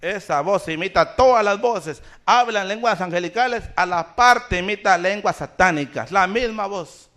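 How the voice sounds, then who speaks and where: A man's voice: high-pitched, moderate pace, hardly any pauses, sharp tone. A male pastor preaching a sermon in a church, building up with rhetorical questions and repeated phrases to his congregation.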